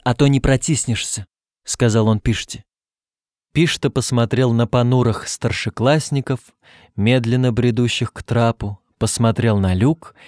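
Calm male audiobook narrator, dry sound. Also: medium pitch, no echo. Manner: reads calmly, lifts his voice for characters' shouts. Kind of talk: audiobook reading of a novel.

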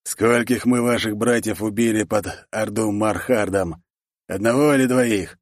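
A gruff, short-tempered dwarf warrior, voiced by a man reading an audiobook. He speaks low and blunt. The voice is husky and the sound is dry. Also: measured pace, dry recording. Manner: blunt, impatient.

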